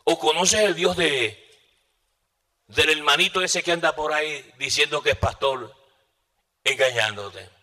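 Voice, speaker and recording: A man preaches in a strongly bright, slightly high voice, taking his time with each phrase. He lifts and drops his voice with the rhythm of the sermon and fires rhetorical questions at the congregation. The sound rings out with the long reverb of a church hall. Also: a little slow, pauses often. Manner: rising and falling preaching cadence, rhetorical questions to the audience. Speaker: pastor.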